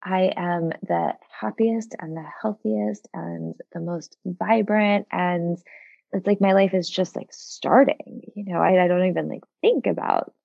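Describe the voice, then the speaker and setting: Woman, 40s, podcast guest, mellow gravelly voice, earnest and reflective, dull dry lo-fi sound. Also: on the low side, steady tone, measured pace, dry recording. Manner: reflective, earnest, many fillers. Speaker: guest, coach and former psychologist. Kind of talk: casual podcast conversation.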